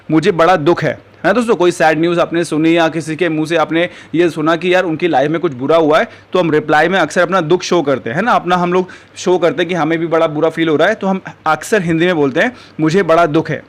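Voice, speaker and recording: A man teaches a spoken lesson at a brisk, rapid clip. His voice sits a little higher than most men's, and he keeps calling his viewers friends. He slows right down whenever he gives an example sentence. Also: steady tone. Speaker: English teacher.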